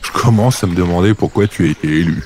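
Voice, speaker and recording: An actor playing God as an offhand, weary, self-satisfied bureaucrat in a comedic audio drama, speaking with casual, curt authority. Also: male voice, sits low, quick pace, a little mellow, a little hiss or hum, lightly acted.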